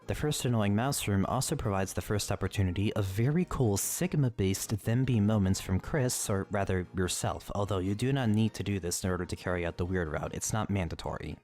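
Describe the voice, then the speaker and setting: A man's voice: fairly low pitch, fairly quick, hardly any pauses, a little mellow, soft background music. A man narrating a scripted lore video, with casual asides and swearing.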